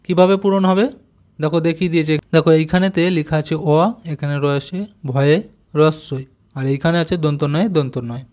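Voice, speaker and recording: A man teaching young children a reading lesson, patiently spelling out joined letters and saying each word slowly. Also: on the high side, steady tone, darkish tone. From West Bengal, India. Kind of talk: primary school reading lesson.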